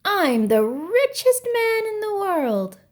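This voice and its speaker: A woman voicing a greedy, excitable king in a storybook myth, exclamatory and dramatic. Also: fairly high pitch, slow. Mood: overjoyed.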